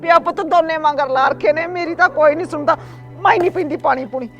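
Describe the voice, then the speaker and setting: An actress playing a nagging stepmother in a village comedy sketch, shrill and complaining. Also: fast talker, music in the background. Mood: scolding. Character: nagging middle-aged stepmother who later repents. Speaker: actress in a short comedy film.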